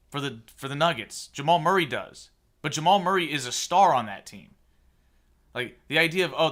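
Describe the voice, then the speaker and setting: A man's voice: a little high, sharp tone. A man in his thirties hosting a casual sports podcast, opinionated and sarcastic as he rants. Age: 30s. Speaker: podcast host.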